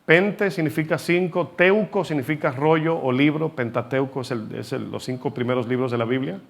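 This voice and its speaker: A man's voice: medium pitch, normal speed, creaky. A man preaching a sermon, teaching from scripture with rhetorical questions and having the congregation repeat words after him.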